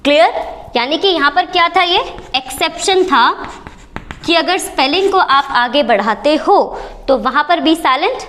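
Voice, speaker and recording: A woman's voice: high voice, lively intonation, normal speed, pushed and bright. A woman teaching an English lesson at a board, spelling out letters one at a time and asking questions she then answers herself. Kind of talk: whiteboard lesson.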